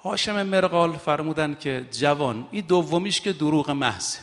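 A man preaching a sermon, swinging from hushed storytelling to raised, emphatic exhortation and chanting scripture quotations slowly. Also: fairly high pitch. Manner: chants Arabic quotations in a slow, drawn-out voice. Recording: long reverb of a large hall.

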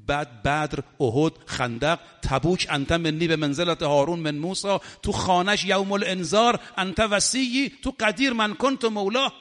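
A man delivers a religious sermon with rhetorical questions and fervent rising peaks. His voice sits fairly high. Long reverb from a large hall trails behind his words. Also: a bit bright. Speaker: preacher. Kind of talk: religious sermon with mourning recitation.

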